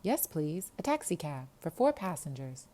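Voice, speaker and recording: Polite young refugee girl, careful formal speech, lively voice, played by a woman reader. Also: sits low, moderate pace.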